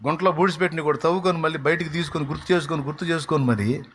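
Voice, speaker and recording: A man preaching with dramatic storytelling. His voice sits fairly high, and he acts out villagers and heroes in colloquial voices. He swings between loud exclamations and low, confiding asides. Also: fairly even intonation, racing, slight background noise. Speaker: pastor. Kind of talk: sermon.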